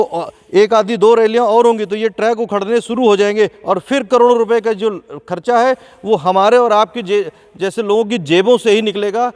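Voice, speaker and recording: A man reporting live from inside a large indoor sports hall, questioning and accusing as he speaks. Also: sits high. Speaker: field reporter. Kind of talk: on-the-spot news report. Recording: long echo of a big hall.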